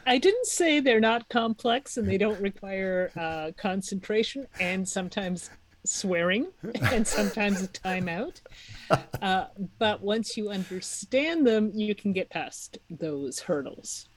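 A woman's voice: mid-range voice, animated, slow. A woman, a guest on a podcast, talking in a chatty, self-mocking way and laughing often. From Czech Republic. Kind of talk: casual interview talk.

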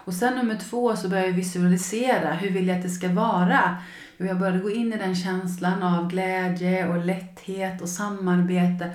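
Expressive woman talking in a roomy space. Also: on the low side. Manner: emotional and expressive, acts out her own past feelings. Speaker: podcast host and coach. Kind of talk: personal podcast monologue.

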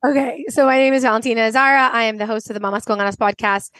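A woman's voice: on the high side, steady tone, very fast, fairly bright tone, no echo. A woman in her forties from Venezuela, a podcast guest telling a personal story earnestly, with frequent restarts. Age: 40s.

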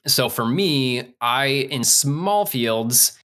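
A man's voice: medium pitch, animated, drawn-out words, sharp tone. A man breaking down fantasy sports picks in a casual analytical podcast, thinking aloud with frequent asides.

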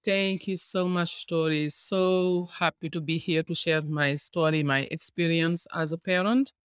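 Female podcast guest, middle-aged, Senegalese accent, lowish-toned for a woman but conversational, dry close sound. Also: steady tone, a little slow, clean tone, dry recording. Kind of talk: conversational personal storytelling.

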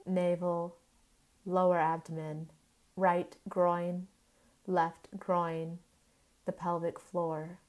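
On a low-quality recording, a woman with a lowish, darkish voice guides yoga nidra with little pitch movement. She sounds like a soothing sleep story narrator, using measured short phrases and long pauses.

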